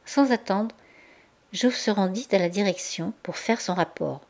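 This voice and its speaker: A woman narrating a classic novel as an audiobook, her pitch in a middle range. Her reading is measured and expressive, giving the scenes steady weight. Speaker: audiobook reader. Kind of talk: classic novel read aloud.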